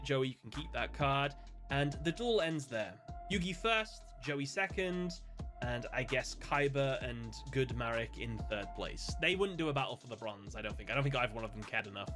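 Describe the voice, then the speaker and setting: A man speculating about a fan story in a playful, animated way, full of quick asides. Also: a little high. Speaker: video creator.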